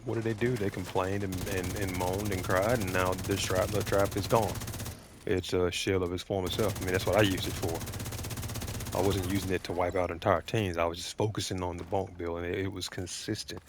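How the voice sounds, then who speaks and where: A man giving blunt, opinionated, defensive off-the-cuff commentary as a video game creator, with halting, emphatic phrasing. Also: low voice, fairly even intonation, background noise.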